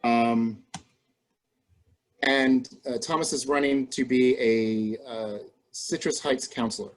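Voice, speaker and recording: A man's voice: mid-range voice, steady tone, takes it slowly. A man moderating an online endorsement forum on a video call, polite and procedural.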